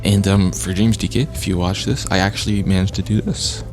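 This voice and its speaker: Low-voiced man, casual game commentary. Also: steady tone, brisk, music in the background. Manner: stammering, repeats words often. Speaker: game jam reviewer.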